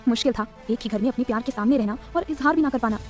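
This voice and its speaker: Woman narrator, audiobook story, quick reading, slightly high voice, faint music.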